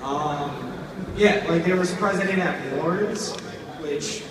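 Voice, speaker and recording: A young American man performs stand-up and bombs, his jokes coming out in halting, rambling pieces. His voice sits a little high and is heard from far off in a very echoey hall, under loud noise. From United States, grew up outside Indiana. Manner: halting, rambling delivery of jokes that fall flat. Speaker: amateur stand-up comedian. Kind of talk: live stand-up comedy, joke bombing. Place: stage at a live event.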